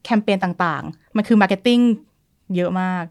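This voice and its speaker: A woman's voice: lowish voice, moderate pace, gravelly. A woman born in the United States and a native English speaker, chatting casually as a guest and explaining history, easily mixing English terms into her speech.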